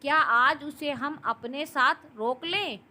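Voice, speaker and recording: A woman voicing Mahi, a cheerful and caring young daughter-in-law who speaks gently and politely. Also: high-pitched, slow, a little hiss or hum, full character voice. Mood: gentle.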